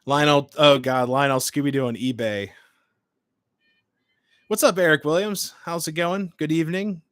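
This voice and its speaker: A man's voice: a little high, steady tone, moderate pace, a bit bright, dry recording. Casual young male livestreamer, dry close sound. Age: late 20s. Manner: chatty, informal, hops between short remarks. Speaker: livestream host. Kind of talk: casual livestream chat, reading and answering comments.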